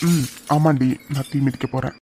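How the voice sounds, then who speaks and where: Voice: medium pitch, steady tone, fairly quick, noisy background, lightly acted. A performer voicing a stubborn, devoted young man who insists earnestly in a cartoon. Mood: determined.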